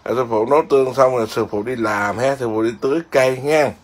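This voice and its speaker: A man's voice: medium pitch, fast. A man, a Buddhist monk, chatting casually outdoors in his garden and keeps asking his viewers whether they see. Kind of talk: casual home vlog.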